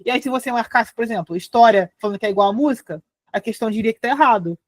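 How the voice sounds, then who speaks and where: A young Brazilian woman teaching a live online grammar lesson, explaining step by step and spelling out syllables slowly. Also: fairly high pitch, dry recording, clean studio sound. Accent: Brazilian Portuguese.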